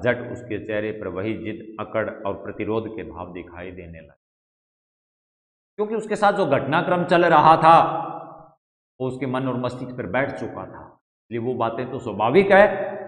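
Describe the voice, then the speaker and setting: A male Hindi teacher with a Rajasthani accent, reading a story aloud to his class and stopping to explain words to the students. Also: on the low side. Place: school classroom. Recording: echoey classroom, dull lo-fi sound.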